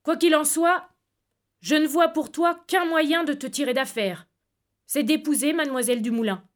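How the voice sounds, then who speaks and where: A woman reading aloud voices a stern, angry older uncle who scolds and lectures gravely. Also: high voice, normal speed, close to an everyday voice.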